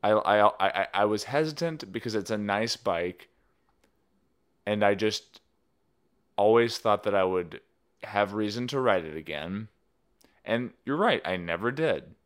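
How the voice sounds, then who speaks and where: A man with a somewhat low voice co-hosts a casual podcast. He rambles and restarts, poking fun at his own laziness in a dry, easygoing way. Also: lively intonation, a little slow, pauses often. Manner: dry, self-deprecating and rambling. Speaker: podcast co-host. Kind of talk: casual banter with his wife.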